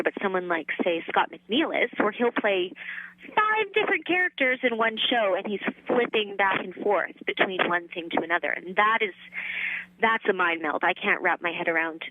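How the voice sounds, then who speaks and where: A woman voice actress in her thirties, chatting easily as an interview guest, with relaxed fillers and a light, laughing manner. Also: medium pitch, no room sound, narrow, tinny audio. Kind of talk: casual interview chat.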